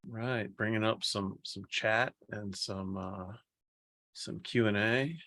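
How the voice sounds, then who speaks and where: A man's voice: on the low side, steady tone, takes it slowly, fairly bright tone, dry recording. A man hosting a livestream with casual, rambling, joking banter. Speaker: livestream host, company co-founder.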